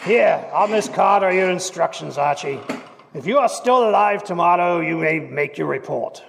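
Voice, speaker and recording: An actor plays a lazy, imperious gourmet detective who grumbles curt orders in a high, gravelly voice. This is a live old-time radio stage show, and the long reverb of a courthouse hall hangs on every word. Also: male voice, animated, normal speed, a bit bright, slight background noise, heavily acted.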